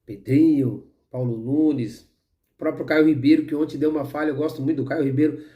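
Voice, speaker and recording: A man's voice: a little high, fairly even intonation, brisk, narrow, tinny audio. A Brazilian man with a Brazilian accent giving heated, rambling football opinions with frequent restarts. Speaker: football commentator. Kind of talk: opinionated casual football talk.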